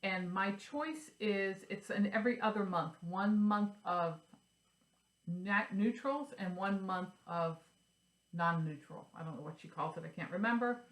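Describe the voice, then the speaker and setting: A woman's voice: medium pitch, a little slow. A middle-aged woman vlogging about cross-stitch in a chatty, rambling way, repeating herself as she talks. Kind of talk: casual show-and-tell chat. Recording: roomy sound from a distance.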